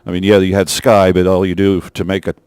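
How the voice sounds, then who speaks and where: A man's voice: low-pitched, level tone, brisk, darkish tone, smooth, no echo. A man giving rambling developer commentary over gameplay of a mission he designed, with many fillers and restarts. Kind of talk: let's play developer commentary.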